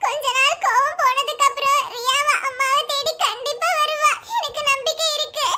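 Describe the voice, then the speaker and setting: A weepy young mother in a cartoon, voiced by a woman, pleading with a Tirunelveli Tamil accent. The voice sits very high and thin. Steady noise runs under the recording. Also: moderate pace, exaggerated voice. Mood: tearful. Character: young village mother, tearful and worried. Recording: noisy cartoon voice track.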